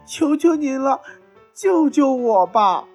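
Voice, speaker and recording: A woman voicing a desperate trapped deer parent in a children's storybook, begging in a high pleading voice. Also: lively intonation, takes it slowly, darkish tone, soft background music.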